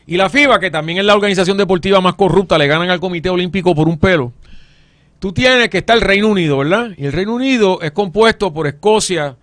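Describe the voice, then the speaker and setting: A man's voice: high-pitched, fast talker, a bit bright, dry recording. A middle-aged man, a panelist telling anecdotes with wry, joking asides. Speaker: political panelist. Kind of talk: political panel discussion.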